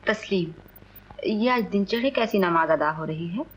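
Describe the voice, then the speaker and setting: An actress playing a brisk, scolding lady of the house in a 1940s film. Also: medium pitch, breathy edge, close to an everyday voice, rough recording.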